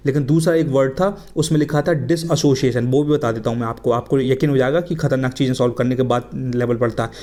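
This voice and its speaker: A man's voice: mid-range voice, fairly even intonation, quick pace, hardly any pauses, mellow. A man teaching English in a casual video lesson, talking in a chatty way to his viewers as friends and mixing in English phrases with an Indian English accent.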